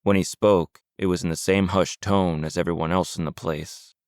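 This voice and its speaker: A man narrating a supernatural mystery audiobook in a calm, even storytelling manner. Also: low voice, normal speed, smooth, no echo, studio quality. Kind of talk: scripted narration.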